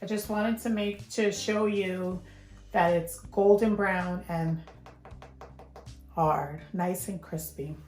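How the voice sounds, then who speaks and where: A woman's voice: fairly low pitch, fairly even intonation, takes it slowly, darkish tone, roomy sound, soft background music. A woman hosting a home cooking vlog, chatting to viewers and explaining each step as she works. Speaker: cooking channel host.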